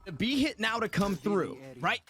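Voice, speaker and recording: A man's voice: high voice, big pitch swings, normal speed, sharp tone. A man working as an esports caster, giving running play-by-play commentary in clipped phrases.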